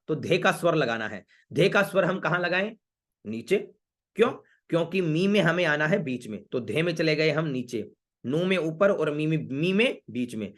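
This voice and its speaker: Male Vedic chant teacher, slightly high bright voice, slow deliberate delivery, syllable-by-syllable drilling. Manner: explains syllable by syllable, then slowly chants each phrase. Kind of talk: online class teaching mantra pronunciation.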